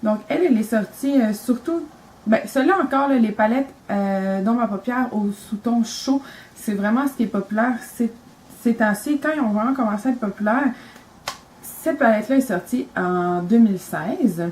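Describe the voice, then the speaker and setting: Young quebec girl doing a makeup vlog, kinda high voice, rambly and excited, faint room hiss. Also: normal speed, low-quality recording. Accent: Quebec French. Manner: chatty, rambling, enthusiastic with many fillers. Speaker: beauty vlogger.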